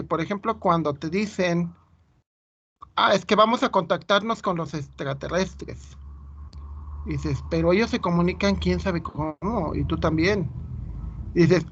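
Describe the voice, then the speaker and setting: A man's voice: high-pitched, a bit bright, husky, dull audio. A Mexican man with a Mexican Spanish accent giving an informal math lecture, chatty and full of anecdotes. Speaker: teacher.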